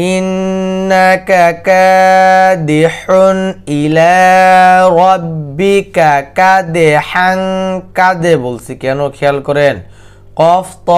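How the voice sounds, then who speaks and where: A man teaching Quran recitation rules in Bengali, explaining plainly and then reciting verses slowly and drawn out. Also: fairly high pitch, smooth. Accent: Bangladeshi Bengali. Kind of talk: tajweed lesson, alternating explanation and slow recitation.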